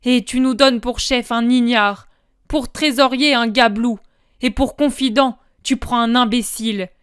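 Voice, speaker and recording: A woman's voice: a little high, fairly even intonation, unhurried, clean tone, no echo, clean studio sound, close to an everyday voice. Judas, a woman doing a furious traitor. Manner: shouting bitter accusations. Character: furious man, a scheming traitor disciple.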